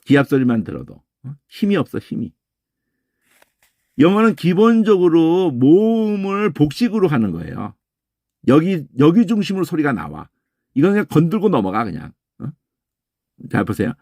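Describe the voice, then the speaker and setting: A man teaching a lecture on Bible languages, talking casually and emphatically, repeating phrases and tossing in quick questions to his listeners. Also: no echo, clean studio sound. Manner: emphatic, lively demonstrating, repeats phrases with sudden pitch jumps; casual speech, trailing questions.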